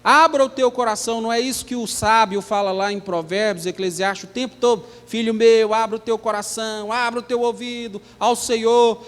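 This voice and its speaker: Brazilian pastor guy, really high voice, emphatic sermon, lots of "né?", long church echo. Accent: Brazilian Portuguese. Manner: emphatic, asks rhetorical questions, frequent "né?".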